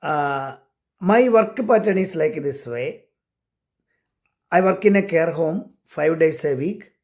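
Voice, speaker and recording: An Indian-accented man who isn't a native English speaker introduces himself and reads aloud a short story he wrote; he's an amateur writer and a care worker. His voice is high and slow with a darkish tone.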